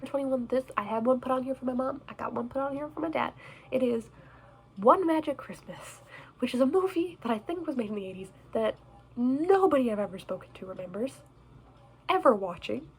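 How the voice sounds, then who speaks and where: A woman's voice: high-pitched, breathy edge, rough recording. A young woman chatting casually on a vlog, bubbly and self-deprecating, recorded indoors. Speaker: vlogger. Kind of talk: casual chat reviewing movies. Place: indoors in front of a Christmas tree.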